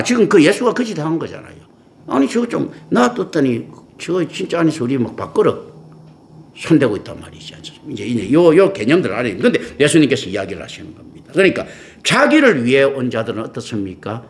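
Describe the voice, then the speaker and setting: Man preaching with lively swooping pitch. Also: a little fast, creaky. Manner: blunt colloquial preaching with rhetorical questions; acts out imagined speakers in quoted asides. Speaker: pastor. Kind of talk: sermon.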